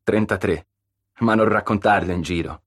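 A man with a low voice voicing a cheerful, bustling pregnant woman in her thirties, brisk and teasing in an audiobook. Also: breathy edge, no room sound, clean studio sound. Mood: bossy cheerful. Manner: brisk, bossy, warmly teasing.

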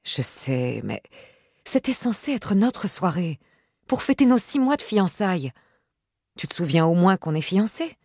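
A woman voicing a young engaged woman, passionate and easily hurt, in a husky voice raised above her narration. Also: lowish voice, expressive, moderate pace, darkish tone, dry recording, studio quality, voice pushed up, heavily acted.

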